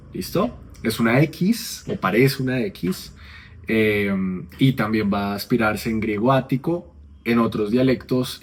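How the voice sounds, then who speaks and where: A man teaching the Ancient Greek alphabet in a relaxed classroom manner, often checking in with his students. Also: fairly low pitch, slightly rough. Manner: conversational, checks in with "¿no?" and "¿sí?".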